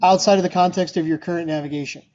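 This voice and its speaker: A man's voice: fairly high pitch, fairly even intonation, racing, darkish tone, highs cut off. A man giving a casual, loosely worded talk to a user group, full of fillers and restarts. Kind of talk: casual presentation to a meetup.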